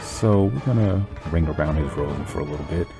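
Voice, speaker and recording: Deep gravelly-voiced man joking through gameplay. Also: fairly quick. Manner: sarcastic, teasing about the game. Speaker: let's play host. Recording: commentary over game music.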